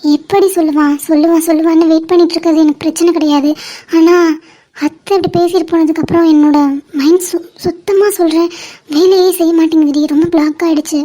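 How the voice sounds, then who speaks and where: A woman voicing a lovesick young woman in an animated cartoon, speaking in a worried, hesitant way. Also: extremely high pitch, fairly quick. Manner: worried, hesitant, tearful pleading.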